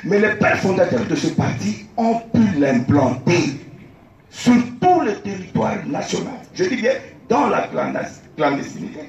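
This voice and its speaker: A man's voice: sits high, unhurried, creaky, a little hiss or hum. A man, a party candidate arguing emphatically in a debate. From Congo. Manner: emphatic, rising to animated insistence. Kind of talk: political debate. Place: large meeting hall. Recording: echoey hall from far off.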